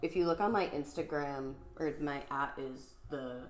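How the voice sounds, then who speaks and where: A woman's voice: low-pitched, normal speed, roomy sound, slight background noise. A young woman who works as a special effects makeup artist, chatting casually and laughing easily on a livestream.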